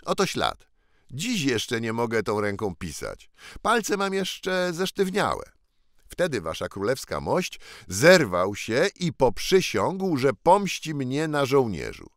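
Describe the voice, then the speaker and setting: A man voicing an eager, earnest poor boy who has been crowned by mistake, speaking with animated, pleading insistence. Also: mid-range voice, dry recording, clean studio sound, pitched above the performer's own voice, full character voice.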